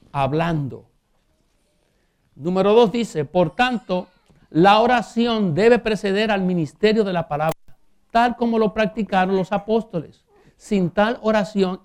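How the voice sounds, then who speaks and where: A man preaching a sermon, reading scripture aloud and asking rhetorical questions, slowing down on key phrases. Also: high voice, clear, resonant tone. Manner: reads scripture aloud and comments.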